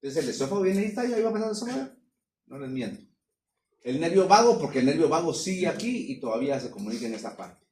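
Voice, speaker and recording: A man's voice: a little high, very animated, quick pace, a little mellow. Lecturing man, echoey and distant. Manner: explanatory, checks in with students often. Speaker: veterinary anatomy lecturer. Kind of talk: classroom lecture. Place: classroom. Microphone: distant room mic. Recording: echoey room from far off, some noise.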